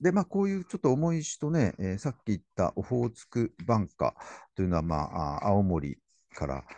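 Deep, dark-voiced man talking literature. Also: vocal fry, dry recording, highs cut off. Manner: reads poems slowly, stumbles and restarts with a laugh. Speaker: literature channel host. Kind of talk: casual literary talk with poetry reading.

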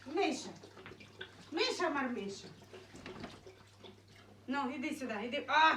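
A woman's voice: high-pitched, animated, unhurried, a bit bright. A woman talking to her dogs in casual baby talk, mixing cooing with firm commands. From Ukraine. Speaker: dog breeder. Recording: roomy, from a distance, faint noise.

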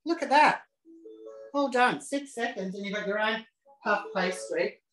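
Soft music plays in the background as a man with a high, somewhat bright voice talks at a measured pace through an informal live cooking demo in his home kitchen. Camp and chatty, he adds cheeky asides. He's filmed on a camera he set up, with roomy kitchen echo.

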